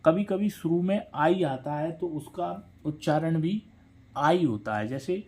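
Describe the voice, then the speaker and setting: A man's voice: fairly high pitch, a little slow, darkish tone, slightly rough. A man teaching English pronunciation. He talks patiently, repeats each word and spells it out letter by letter. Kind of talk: spelling lesson, letters read out slowly.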